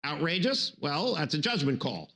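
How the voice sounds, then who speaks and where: A man's voice: a little high, normal speed. A man from Brooklyn, giving a law lecture full of jokes and playful put-on voices. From New York City, Brooklyn. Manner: jokey, animated, acts out silly voices. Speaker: law professor. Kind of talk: recorded bar review lecture.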